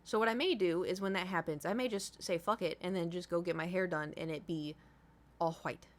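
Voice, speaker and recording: Speaking briskly in a fairly low voice, this livestream host in her thirties talks casually to her viewers. Her chat rambles along informally, full of free swearing and repetition for emphasis.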